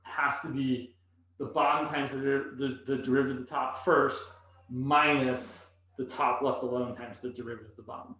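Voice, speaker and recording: In a recorded classroom lecture, a math instructor teaches calculus, thinking aloud while writing on the board. His medium-pitched voice is steady, bright and forceful at a normal speed, heard from a distance in an echoey room.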